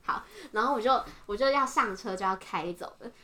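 A young woman with a Taiwanese Mandarin accent hosts a casual podcast, telling a story in a fast, giggly way and acting out the other people in it. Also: a little high, a bit bright. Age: young adult. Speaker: podcast host. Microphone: single shared microphone.

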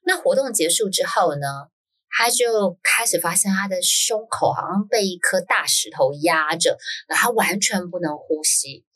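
Woman, husky voice, lowish pitch, lively conversational storyteller, schoolteacher guest on an interview. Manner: lively storyteller, many fillers and quick affirmations. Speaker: guest author and primary school teacher.

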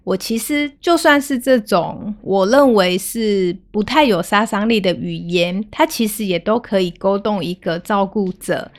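A woman in her thirties talks calmly on a parenting podcast, her tone gentle and even as she retells a family moment. Her voice sits at a middle height, neither high nor low. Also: measured pace, few pauses. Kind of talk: storytelling podcast talk.

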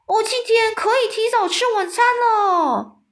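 A woman voicing a brutish, man-eating male giant in a children's storybook reading, shouting and gloating. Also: a little high, sing-song, moderate pace.

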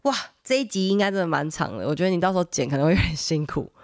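A woman's voice: on the low side, racing, no echo, clean studio sound. Chatty pregnant woman hosting a podcast. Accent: Taiwanese Mandarin. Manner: chatty, laughs often. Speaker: podcast host. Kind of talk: casual chat.

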